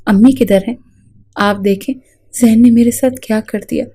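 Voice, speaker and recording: A distraught young wife pleads through her tears, voiced by a woman reading the story. The tone is mellow and low-lit rather than bright. It is delivered as part of a spoken storybook. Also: fairly even intonation, husky. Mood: anxious. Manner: pleading, tearful.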